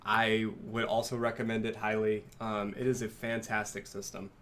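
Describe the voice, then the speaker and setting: A man's voice: lowish voice, level tone, moderate pace, fairly bright tone, slight background noise. A man co-hosting a live gaming show, chatting casually, teasing his co-host and laughing often. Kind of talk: casual live-stream chat.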